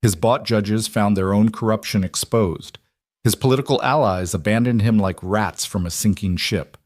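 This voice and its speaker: A man narrating a dramatic story in an even, measured storytelling manner. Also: lowish voice, no echo, clean studio sound.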